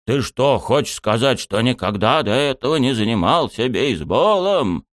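A boisterous, overbearing old baseball coach from an audiobook, as a male reader puts him on. He bellows and leans in hard, his voice leaping wildly up and down. The sound is smooth and dry. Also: lowish voice, expressive, normal speed, bright, forceful tone, no room sound. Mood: insistent. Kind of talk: audiobook character voice.

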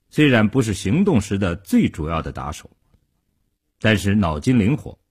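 A man's voice: medium pitch, breathy edge. A man narrating a true-crime serial for radio, dramatic and acting out the characters' lines. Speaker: radio storyteller. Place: radio studio.

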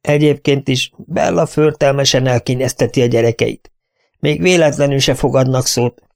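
A man's voice: mid-range voice, steady tone, vocal fry, pitched above the performer's own voice, close to an everyday voice. A man voicing a domineering old spinster lady who speaks in curt, commanding sentences.

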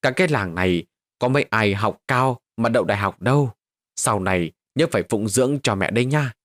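A man's voice: lowish voice, lively intonation, fairly quick, no echo, studio quality, close to an everyday voice. A man doing a kindly village butcher. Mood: praising. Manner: warm praise, fatherly advice. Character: older male pork butcher, kindly and praising.

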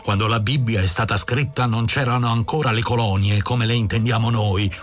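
A man's voice: fairly low pitch, steady tone, a little hiss or hum, natural voice. Man putting on a pompous sanctimonious baker. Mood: stern, accusing. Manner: slow, grave, sanctimonious. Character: pompous self-righteous male baker, middle-aged.

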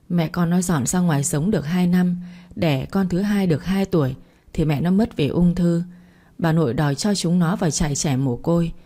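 A woman's voice: lowish voice, mellow, natural voice. A woman voicing a talkative, kindly older female relative who confides family gossip.

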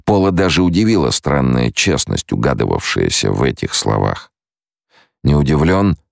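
A man narrating an audiobook in a measured, even storytelling manner. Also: rumbling low, gravelly, no echo, clean studio sound. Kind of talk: scripted narration.

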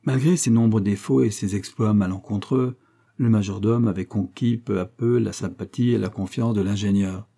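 A man narrating a classic adventure novel in a steady, measured reading. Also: on the low side, vocal fry. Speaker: audiobook narrator.

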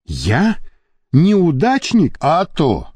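Brief: male narrator doing a frantic, put-upon middle-aged man in an audiobook, pleading, raised pitch, dry close sound. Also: huge pitch swings, drawn-out words, darkish tone, breathy edge, dry recording, heavily acted. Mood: indignant. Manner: pleading, indignant.

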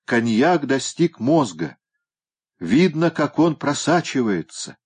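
A man's voice: medium pitch, big pitch swings, slow, a little mellow, breathy edge, voice pushed up, exaggerated voice. A man voicing a composed grown man in an audiobook, speaking dryly and matter-of-factly.

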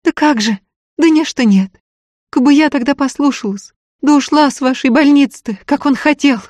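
A woman's voice: mid-range voice, moderate pace, a little mellow, no echo, voice pushed up, natural voice. A woman voicing a tearful, self-blaming young peasant woman who talks in plaintive, folksy village speech. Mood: sobbing, self-reproach.

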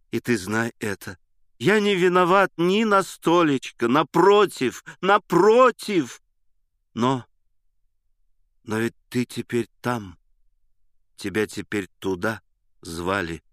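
A man voicing an excitable, earnest young man who keeps pleading his innocence in a storybook reading. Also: medium pitch, no room sound, clean studio sound. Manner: eager, breathless protesting.

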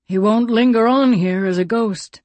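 A woman reading an audiobook, voicing a solemn, slow-speaking old man who serves as a guide. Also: a little high, darkish tone, no room sound, voice pushed up, natural voice.

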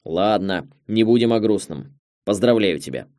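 A man's voice: fairly low pitch, animated, moderate pace, darkish tone, no echo, lightly acted. A male audiobook narrator voicing a jovial older film studio director who talks in a hearty, teasing way. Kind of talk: audiobook character reading.

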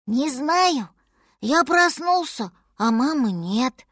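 Woman as a soft, timid baby mammoth boy, high and slow. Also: big pitch swings, no echo, clean studio sound, full character voice. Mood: plaintive. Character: lost, gentle little baby mammoth boy.

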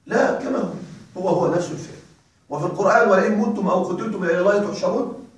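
High-voiced man teaching in an echoey classroom. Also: very fast. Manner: call-and-response drilling, prompts students to finish words. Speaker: grammar teacher. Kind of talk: classroom grammar lecture. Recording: very echoey room, voice far from mic.

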